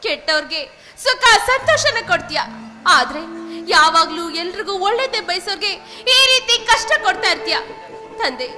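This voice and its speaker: A loyal young woman friend, played by a female actress, speaks in a very high, earnest and pleading stage voice. The sound is echoey, from a live village drama, with music playing clearly behind her. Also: sing-song, normal speed. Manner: earnest, pleading theatrical delivery. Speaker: stage actor.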